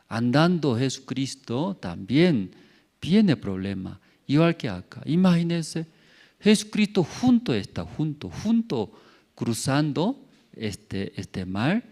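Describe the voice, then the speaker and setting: A medium-pitched male pastor delivers a church sermon packed with rhetorical questions and repetition. His volume swings from loud calls down to near murmurs, and his grammar shows some non-native slips.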